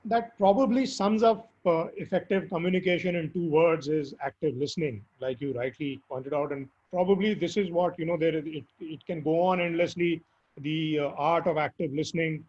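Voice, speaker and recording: A man with a hoarse, squeaky voice from recent illness, answering interview questions earnestly and emphatically. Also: fairly even intonation, normal speed, a little mellow. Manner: earnest, emphatic advice with fillers. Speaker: guest speaker. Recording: dull lo-fi audio.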